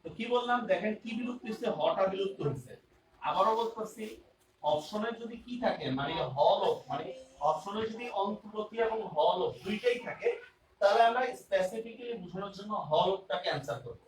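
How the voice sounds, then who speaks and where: A man's voice: high-pitched, brisk, slight background noise. Man teaching in an echoey room. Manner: repeats key terms and checks understanding often. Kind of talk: online grammar class. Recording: roomy and distant with faint ambience.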